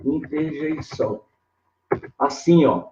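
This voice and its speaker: A man teaches grammar live in a slow, patient voice that sits a little higher than most, stretching key words and repeating "ó" as he points things out. He calls out viewers by name between explanations. The sound is dull and lo-fi, in an echoey room. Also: mellow, a little hiss or hum. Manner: greets viewers by name mid-lesson. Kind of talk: live online grammar lesson.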